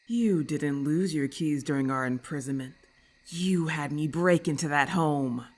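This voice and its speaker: In an ASMR roleplay, a woman with a deep voice plays a haughty, irritable lamia, hissing as she speaks in an imperious, formal, scornful and menacing way.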